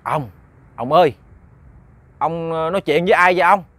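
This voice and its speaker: A man voicing an old village wife who asks soft, worried questions. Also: on the high side, moderate pace, no room sound.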